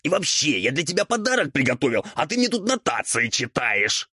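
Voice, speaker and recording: A man doing an old ghoul, husky, raised voice, swooping indignant whine, sly. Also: fairly high pitch, very animated, bright, forceful tone, no room sound, clean studio sound, pitched above the performer's own voice, full character voice. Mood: squabbling. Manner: quick, indignant squabbling. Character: old bickering male ghoul mentor, sly and whiny. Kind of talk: audiobook character voice.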